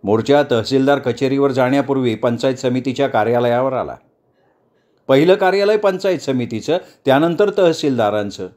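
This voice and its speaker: A man narrating a novel as an audiobook, with dramatic, lively storytelling. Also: medium pitch, moderate pace.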